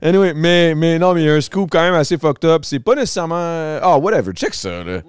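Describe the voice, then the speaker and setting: Hyped Québécois podcast host, bright voice. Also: male voice, a little high, lively intonation, fast talker, clean tone, no room sound. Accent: Québécois French. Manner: hyped, mixes English slang into French. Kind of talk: casual podcast chat.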